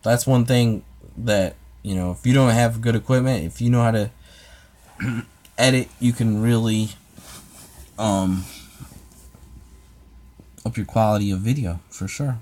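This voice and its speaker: An American ASMR channel host, with a lowish, darkish voice, replies to livestream comments in an unhurried way with long pauses. His casual chat is rambling and hesitant, full of fillers and false starts.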